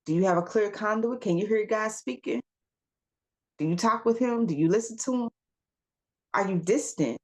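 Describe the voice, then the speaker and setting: Wellness coach, woman, lowish voice, emphatic questioning delivery, casual. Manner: asks rapid rhetorical questions, calls listeners y'all and baby. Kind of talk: casual self-help talk.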